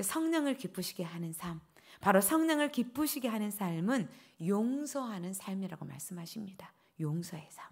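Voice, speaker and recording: A middle-aged woman pastor delivers a dawn service sermon in a fairly high voice. Her pitch leaps and falls as she acts out quoted prayers and the dialogue of her stories with lively feeling. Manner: animated preaching, acting out quoted prayers and dialogue.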